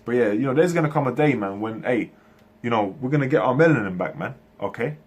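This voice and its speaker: Husky man preaching in halting bursts. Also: mid-range voice, lively intonation. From Turkey, raised in England. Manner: repetitive, ends phrases with "man" and "okay"; halting, frequent restarts. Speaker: religious speaker. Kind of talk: preaching monologue to camera.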